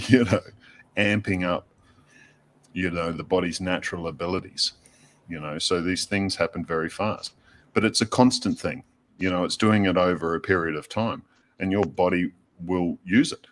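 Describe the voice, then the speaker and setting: A man chatting as a guest, explaining things with lots of fillers and soft laughs. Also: low voice, moderate pace. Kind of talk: casual chat.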